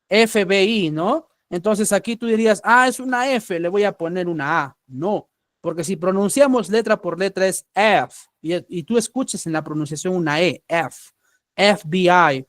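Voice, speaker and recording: A man from Peru teaching an English grammar lesson, patient, checking in often with "¿sí?" and repeating example words slowly. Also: high voice, dry recording, clean studio sound.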